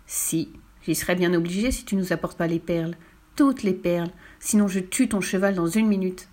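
Woman doing a gruff bully crook guy, all threats, a bit lower and louder in a storybook read. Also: normal speed, lightly acted. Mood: threatening. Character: brutish male crook threatening a child. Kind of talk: audiobook character voice.

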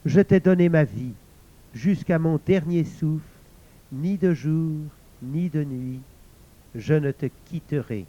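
A man voicing a hushed, trembling storybook princess. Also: on the high side, takes it slowly, highs cut off. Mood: solemn. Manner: hushed murmuring. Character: grieving young princess, frightened, devoted.

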